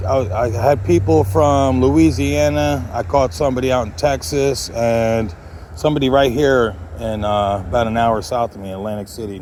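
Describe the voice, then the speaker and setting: A man with a medium-pitched voice talks off the cuff to his viewers. He rambles in a jokey, conversational way, like a hobbyist making a vlog. There is slight noise behind him. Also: a little mellow. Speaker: amateur radio hobbyist vlogger. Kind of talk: casual chat to viewers.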